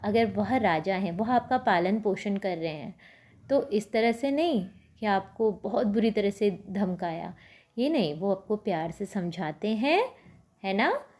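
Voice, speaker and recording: Slow-spoken woman teacher explaining a story. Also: medium pitch, a little mellow. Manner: patient, explains and asks questions. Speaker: primary school teacher. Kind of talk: storybook lesson for children.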